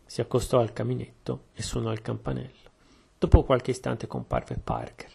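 A man reading a story aloud in steady first-person narration. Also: medium pitch, moderate pace, vocal fry, breathy edge. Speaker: audiobook narrator.

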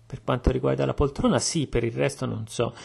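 A man voicing a shrewd, calm Belgian detective who speaks in a measured, deliberate way. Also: mid-range voice, vocal fry, breathy edge. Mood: calm, probing.

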